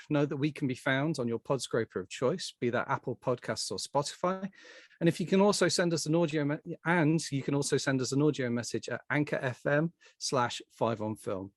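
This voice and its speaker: A man's voice: medium pitch, dry recording, studio quality. A man hosting a podcast, friendly and orderly as he explains how the show works. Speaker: podcast host.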